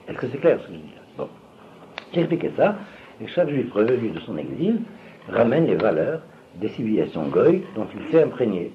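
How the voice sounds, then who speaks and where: An older man giving a rambling religious lecture to an audience, often stopping to ask if they follow. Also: on the low side. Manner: digressive, keeps checking if listeners follow. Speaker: religious teacher. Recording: dull lo-fi recording with faint room noise.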